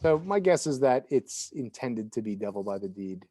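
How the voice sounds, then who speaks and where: A man's voice: medium pitch, big pitch swings, moderate pace, warm tone. A man co-hosting a comic book podcast, chatting casually and enthusiastically, with some swearing. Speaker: podcast co-host.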